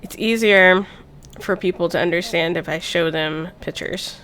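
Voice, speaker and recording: A woman in her thirties hosts a chat stream, speaking in a lowish, fairly bright voice at a moderate pace. She chats casually and tells personal stories in a rambling, sweary, informal way, with music in the background.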